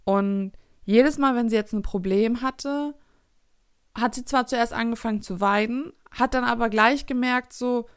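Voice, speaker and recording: A woman's voice: fairly high pitch, a little slow, smooth, no echo, clean studio sound. A woman in her twenties talking reflectively in a casual personal monologue, often searching for her words. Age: 20s.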